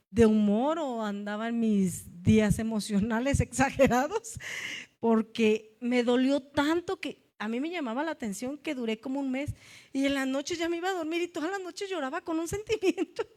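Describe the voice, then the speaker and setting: A woman with a high, bright voice and a Mexican Spanish accent gives a heartfelt testimony to her congregation. She talks in a confessional, emotional way and keeps turning to the listeners as brothers and sisters. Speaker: church speaker. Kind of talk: testimony sermon. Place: church meeting room.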